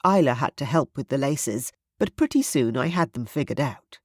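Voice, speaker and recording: A synthetic-sounding audiobook narrator reads first-person fiction. The voice sits at a middle pitch, smooth and even. The recording is dry and close. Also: moderate pace, no room sound.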